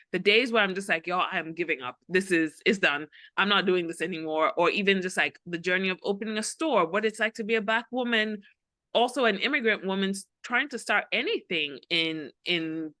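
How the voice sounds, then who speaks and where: A young woman from Ghana, an interview guest who talks openly and tells her story with lively quoted asides. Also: medium pitch, no echo. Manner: open, storytelling, animated quoting. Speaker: interview guest, creative director. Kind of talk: casual interview chat.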